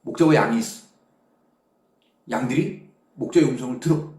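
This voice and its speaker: A man's voice: mid-range voice, moderate pace, darkish tone, roomy sound. A man preaching a Bible study, explaining each verse in casual speech and acting out the quotes.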